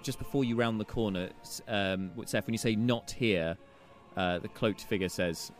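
A man narrating a tabletop game as game master, improvising and often halting to search for his phrasing. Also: on the low side, soft background music.

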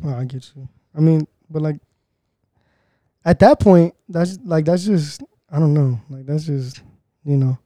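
A man's voice: fairly high pitch, unhurried, warm tone, no echo. A young man as a guest on a podcast, talking in a laid-back way in casual chat, laughing and often restarting his sentences.

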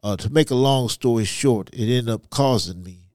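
A man from Ivory Coast, giving personal testimony as a podcast guest in halting, hesitant phrases. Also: mid-range voice, a little mellow, no echo, clean studio sound. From Ivory Coast, West Africa. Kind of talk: personal testimony in a conversational interview.

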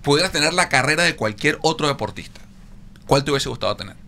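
A man co-hosting a casual sports podcast, jumping in with quick questions. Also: a little high, lively intonation, bright, forceful tone, slight background noise. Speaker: podcast co-host.

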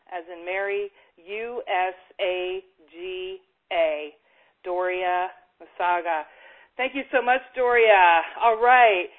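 Upbeat lady host, laughs a lot, mid voice, tinny phone sound. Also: medium pitch. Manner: upbeat, chatty, laughs often. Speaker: interview host and book editor. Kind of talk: casual phone interview. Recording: phone-like narrow line.

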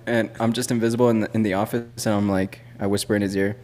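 A man's voice: fairly low pitch, level tone, fast, darkish tone. A man co-hosting a podcast, joking crudely and laughing often in casual banter. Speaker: podcast co-host.

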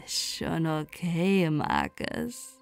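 A woman voicing a monstrous puppet-faced male teacher, speaking in a low, hollow, slow murmur. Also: wildly swooping pitch, vocal fry, clear, resonant tone, no room sound, soft background music, full character voice. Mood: sinister taunting.

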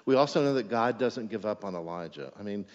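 A low-voiced male pastor delivers a conversational sermon and keeps checking in with his listeners. The recording carries a long hall reverb and sounds dull and lo-fi. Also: animated, brisk, a little mellow. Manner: conversational preaching, checks in with the congregation.

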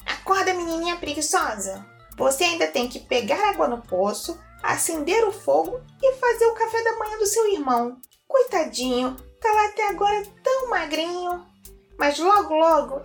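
A woman voicing a cranky, greedy old witch in a storybook reading, shrill and scolding. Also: very animated, normal speed, exaggerated voice. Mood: bossy. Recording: roomy with soft music.

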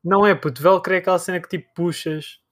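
A young man with a European Portuguese accent chatting casually and telling stories with friends in an excitable, slangy, insistent manner. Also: high-pitched, quick pace. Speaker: podcast co-host. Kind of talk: casual chat, storytelling among friends.

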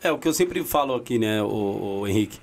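A man's voice: lowish voice, lively intonation, fairly quick, creaky. A man hosting a podcast, chatting casually with laid-back, slangy remarks. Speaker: podcast host. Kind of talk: casual chat.

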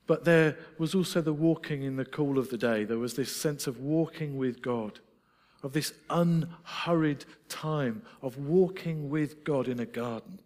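Scottish man, middle-aged, earnest sermon delivery, slightly higher voice, hall echo. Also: measured pace, darkish tone. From Scotland. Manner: earnest, reflective, with self-deprecating asides. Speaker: preacher. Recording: long reverb of a large hall.

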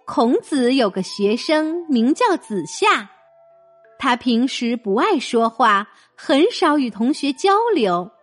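Lady storyteller for kids, high lively voice, gentle, talks to the little one, soft music under. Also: slow. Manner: gentle, addressing a child directly. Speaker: children's storyteller. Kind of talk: children's story narration.

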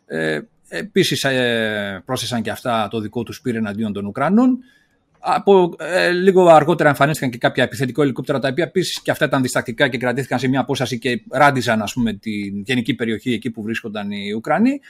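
A man co-hosting a podcast, explaining events at length in casual analytical chat, full of fillers and openly sceptical. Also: medium pitch. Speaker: podcast co-host.

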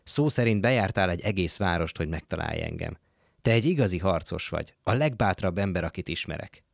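A man voicing a soft-spoken tender young man. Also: deep voice, lively intonation, creaky, no room sound, clean studio sound, exaggerated voice. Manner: soft, reassuring. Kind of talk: audiobook reading.

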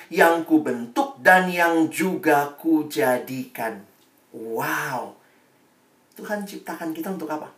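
A man giving a youth sermon, lively and acting out quoted voices, slipping into English phrases. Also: on the high side, echoey room, recorded from a distance. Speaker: youth speaker.

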